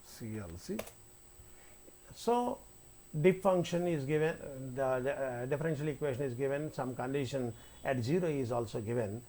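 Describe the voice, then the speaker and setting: A man's voice: medium pitch, moderate pace, mellow, slight background noise. A man giving a spoken tutorial as a lecturer, often repeating his phrases as he explains each step. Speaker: maths lecturer teaching software coding.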